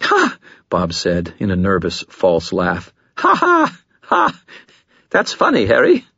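A man's voice: lowish voice, sing-song, moderate pace, breathy edge, no room sound, dull audio, voice pushed up, full character voice. A man voicing a vain, talkative skull spirit who gets nervous and stammers. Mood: false laugh.

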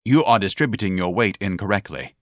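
A man's voice: mid-range voice, very animated, moderate pace, a bit bright, dry recording, clean studio sound, pitched above the performer's own voice. A man reading an audiobook, voicing a pompous, fussy grown man who lectures everyone in a didactic, self-important way. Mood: indignant, lecturing.

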